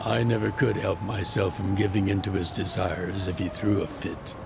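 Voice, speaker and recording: In this cutscene dub, a deep, gravelly older male voice plays a weary, fatherly ex-yakuza boss, keeping a level tone. The delivery is slow, measured, calm, and reflective, and the recording is very noisy.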